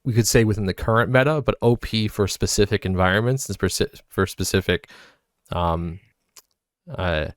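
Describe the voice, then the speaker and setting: Rambling low-voiced male host. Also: normal speed, dry recording, clean studio sound. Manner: rambling, self-correcting. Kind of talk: casual group discussion.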